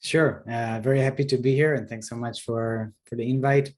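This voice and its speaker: Israeli-accented man, thirties, halting speech, many fillers, interview guest. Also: medium pitch, fairly even intonation, a little mellow. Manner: hesitant, many fillers and restarts. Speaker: startup CEO guest. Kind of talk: video call interview.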